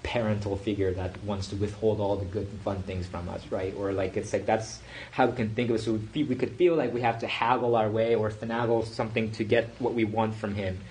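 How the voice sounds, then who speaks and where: Low-voiced male preacher teaching casually. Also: a little mellow, poor audio. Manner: conversational teaching with fillers and restarts. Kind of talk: sermon.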